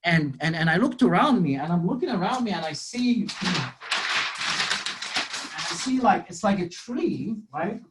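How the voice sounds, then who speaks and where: A man's voice: high voice, background noise. Upbeat man quizzing his audience. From Lebanon. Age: 40s. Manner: energetic, quizzes the audience, frequent "you know". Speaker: real estate sales speaker. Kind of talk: interactive motivational talk.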